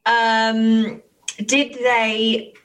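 A woman's voice: on the high side, monotone, extremely slow, a bit bright. A woman co-hosting a casual chat, asking questions. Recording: distant from the mic.

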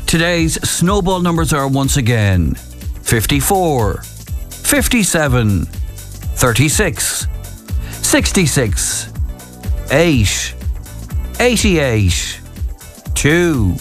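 A man's voice: on the high side, big pitch swings, very slow, pauses often, soft background music. An Irish man working as a radio bingo caller, calling out numbers in set patterns.

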